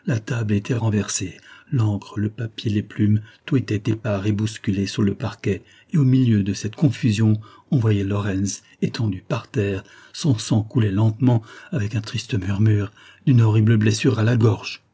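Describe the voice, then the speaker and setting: A man reading a literary story aloud in a measured, even narrating voice. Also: lowish voice, husky. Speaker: audiobook reader.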